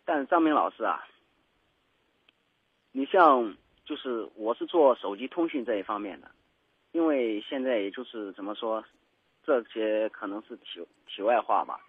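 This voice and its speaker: Male caller, hesitant and halting, tinny phone sound. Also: on the low side, expressive, husky, no room sound. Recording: phone line.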